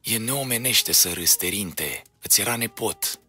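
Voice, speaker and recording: A man's voice: fairly low pitch, animated, sharp tone, breathy edge, faint music behind, voice pushed up, exaggerated voice. A man voicing a tired and frightened old grandmother in a read-aloud storybook. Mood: weary. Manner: weary, trembling.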